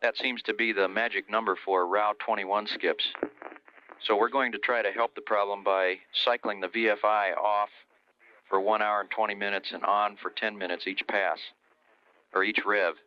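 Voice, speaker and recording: A low-voiced man speaks over a radio as a mission control communicator. His voice is smooth and clean, delivering procedural instructions through a slightly dull transmission. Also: steady tone, normal speed. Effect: heard over a radio.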